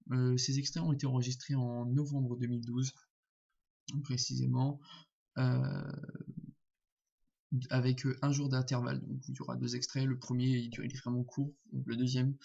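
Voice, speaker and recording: A man, speaking in a gravelly, husky voice, vents to his viewers in a flat, monotone delivery. He rambles indignantly, full of hesitations and restarts, and the recording sounds dull and lo-fi. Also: mid-range voice. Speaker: vlogger. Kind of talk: casual vlog commentary.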